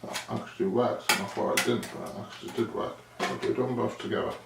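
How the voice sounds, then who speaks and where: Thinking aloud as he demonstrates something by hand, this man, an amateur DIY videographer, rambles casually and pokes fun at himself. He talks quickly in a fairly low, creaky voice, captured by a far-off, echoey microphone full of hiss.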